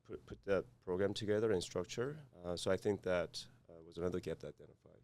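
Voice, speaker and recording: A man from South Korea with a Korean accent, a podcast guest speaking haltingly with many fillers and restarts. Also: sits low, a little mellow, dry recording. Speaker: guest, cybersecurity firm founder. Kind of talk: podcast interview.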